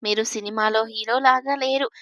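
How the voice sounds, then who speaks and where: A woman's voice: a little high, fairly even intonation, normal speed, pushed and bright, dry recording, studio quality. A woman voicing a timid, innocent young girl bride who chatters anxiously. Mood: innocent fearful.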